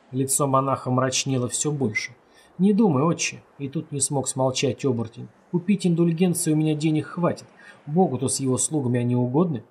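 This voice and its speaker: Husky male audiobook narrator. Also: medium pitch, darkish tone. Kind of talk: scripted narration.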